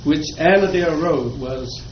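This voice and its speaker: Chuckling, an elderly Virginian reminisces slowly about his childhood in folksy stories told to an oral history interviewer. He speaks on the high side and a little slowly. Sound quality is lo-fi and dull, with faint noise and noticeable room echo.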